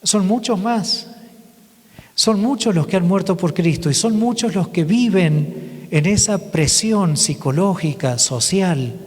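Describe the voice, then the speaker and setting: A male priest speaks to a parish congregation with a slightly raised voice. He tells his stories haltingly, often breaking off and starting again. His voice trails into a long reverb in the church. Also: sits high, a little mellow. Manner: halting storytelling with frequent restarts. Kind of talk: testimony talk to a parish congregation.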